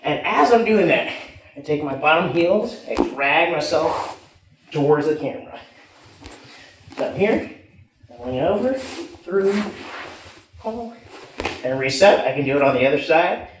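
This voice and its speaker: On the mat of an indoor martial arts gym, a young male jiu-jitsu coach talks through instructions while actively demonstrating movements on the floor. His pitch is on the high side and his delivery animated, moderate in pace and full of pauses. Echo, distance from the mic and background noise color the recording.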